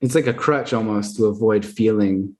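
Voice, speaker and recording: A man hosting an interview podcast, asking reflective, gently probing questions. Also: lowish voice, moderate pace. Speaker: podcast host. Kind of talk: conversational interview.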